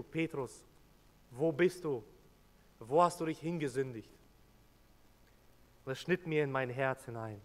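A man's voice: medium pitch, close to an everyday voice. A man preaching as a remorseful apostle, speaking earnestly in first person with emotional swells in a church. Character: remorseful adult male apostle recounting his denial. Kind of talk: first-person dramatic sermon monologue. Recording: long church reverb.

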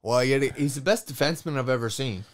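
A man's voice: medium pitch, fast talker. A man co-hosting a casual sports podcast, emphatic and swearing freely, with the hiccups. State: has the hiccups. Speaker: podcast co-host.

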